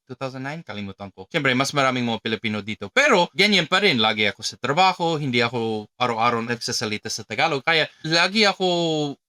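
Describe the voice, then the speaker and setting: A man's voice: mid-range voice, bright, forceful tone, clean tone, dry recording. A middle-aged American man, a native English speaker, chatting casually in a second language with an American accent and English filler words mixed in. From United States, Idaho. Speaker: interview guest.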